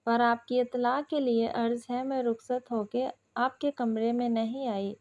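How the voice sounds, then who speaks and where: A woman's voice: fairly high pitch, flat delivery, darkish tone, dull audio, lightly acted. A woman voicing a feisty young bride who scolds her husband sharply, read in a storybook narration. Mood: sassy. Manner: scolding, sassy.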